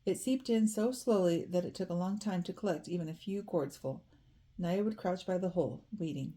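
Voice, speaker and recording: A woman reads a children's novel aloud at a calm, measured pace. Her voice sits a little low, with a warm, mellow tone. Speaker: audiobook reader.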